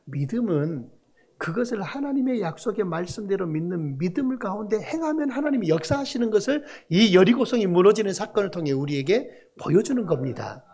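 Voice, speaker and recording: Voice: medium pitch, big pitch swings, brisk, a little mellow, breathy edge. A pastor preaching a Sunday sermon in a church, asking the congregation questions and joking with the children. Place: church sanctuary.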